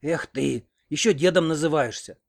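Scolding old grandmother in her seventies, read by a man: shrill, weepy, raised pitch. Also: moderate pace, vocal fry. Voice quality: shrill scolding, sucking at false teeth. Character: angry tearful old village grandmother.

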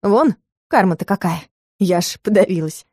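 A woman narrating a first-person audiobook in a lively storytelling manner. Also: mid-range voice, moderate pace, breathy edge, no room sound, studio quality.

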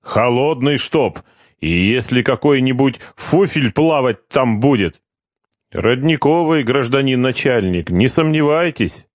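A man with a low voice narrates an audiobook in a steady, even reading. The recording is dry and close. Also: no room sound.

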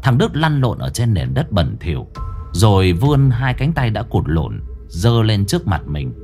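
Male horror narrator, lively pitch, lowish voice, dramatic storytelling. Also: moderate pace, faint music behind.

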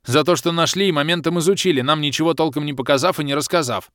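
A man's voice: fairly high pitch, fast talker, fairly bright tone, no echo, studio quality, pitched above the performer's own voice, natural voice. A man voicing a greedy male half-orc treasurer who bellows and frets over money in an audiobook. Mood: indignant. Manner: bellowing, frantic. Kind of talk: audiobook character voice.

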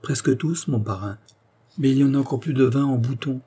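A man's voice: mid-range voice, brisk, dark tone, slightly rough, pitched above the performer's own voice, close to an everyday voice. A man voicing a proper young goddaughter who speaks primly and scolds. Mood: gentle. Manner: prim, reproachful.

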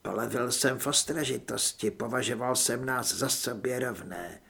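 A man's voice: mid-range voice, vocal fry, slightly rough. A man doing a cold, suave government handler. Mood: cold polite. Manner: polite, measured, quietly menacing. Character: cold, smiling middle-aged male government official.

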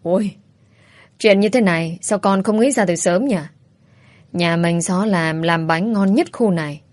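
A woman's voice: fairly low pitch, a little slow, darkish tone, no echo, natural voice. A woman voicing a bold young woman who talks bluntly and playfully. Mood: pleading. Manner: blunt, teasing.

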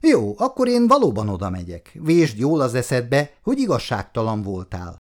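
Man doing a young man, defensive, evasive, self-justifying, lively voice, storybook. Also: mid-range voice.

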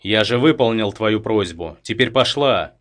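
A man's voice: fairly low pitch, expressive, unhurried, fairly bright tone. A man voicing a mocking, threatening male killer who was a boxer. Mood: mocking, menacing.

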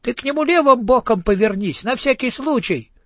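A man voicing a chorus of tiny, fussy goosebump creatures in a storybook, shrill and bossy. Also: lively intonation, normal speed, fairly bright tone, no room sound, heavily acted. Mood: alarmed shouting. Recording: slightly muffled audiobook.

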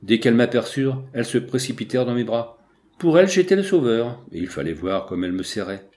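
A man's voice: mid-range voice, very animated, fairly quick, darkish tone. Man reading an audiobook aloud. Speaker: audiobook reader. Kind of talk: first-person audiobook narration.

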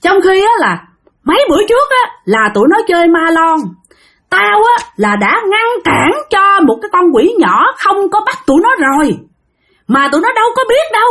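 Woman doing a vengeful male spirit, Southern Vietnamese accent, screaming, high, husky, ghost story telling. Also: expressive, brisk, hardly any pauses. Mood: furious. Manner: screaming, scolding, accusing. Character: furious vengeful male spirit possessing a boy.

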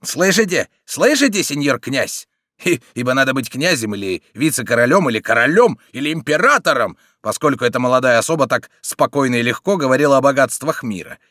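Give me a sly bandit, voiced by a male reader. He talks in a raised, mocking voice with lively swings of pitch, smooth and persuasive. The recording is close and dry. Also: fairly quick, no room sound, lightly acted.

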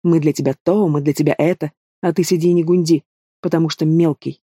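Audiobook heavy: mocking young thug, read by a man, mellow and fairly high. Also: fairly even intonation, a little fast, dry recording, studio quality. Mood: scornful. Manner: taunting, drawling, casual menace. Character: sneering young male villain, lazy and mocking. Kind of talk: audiobook character voice.

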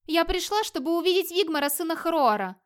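A woman reading an audiobook, voicing a cheerful young Valkyrie woman in a bright, merry, lifted voice. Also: very high-pitched, expressive, brisk, voice pushed up. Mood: friendly.

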